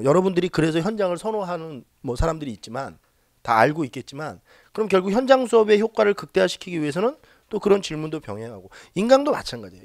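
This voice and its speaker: Lively Korean history lecturer, dry sound. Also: male voice, high-pitched, no room sound. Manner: leads students in loud call-and-response drills; teasing, talks down to students jokingly. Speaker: civil service exam history lecturer. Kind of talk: live classroom lecture. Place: classroom with students.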